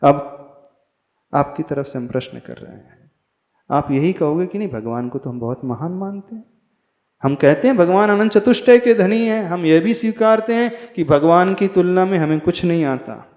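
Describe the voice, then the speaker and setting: A man's voice: sits high, moderate pace, a little mellow. A man, a monk, giving a spiritual discourse and teaching recitation, chanting verses and correcting pronunciation. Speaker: Jain monk teaching a hymn. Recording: echoey hall, dull lo-fi sound.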